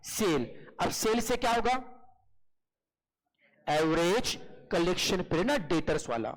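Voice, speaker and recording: A male accountancy teacher giving an online class, firing quick questions at his students and answering them himself, calling them "beta". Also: sits high, sing-song, poor audio.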